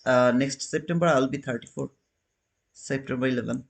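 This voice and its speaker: Gravelly and medium-pitched, this man's voice stays fairly even at a normal speed as he casually hosts a trading livestream. In his thirties, he chats with viewers and responds to their comments in loose, non-native phrasing that often restarts.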